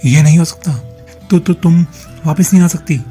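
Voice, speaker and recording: A man plays a greedy young schemer in a spoken horror story, quick and impatient, his voice a touch raised and darkly toned. He stumbles over words when cornered, with faint music behind. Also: fairly high pitch, darkish tone, close to an everyday voice. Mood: terrified. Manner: impatient, then panicked stammering.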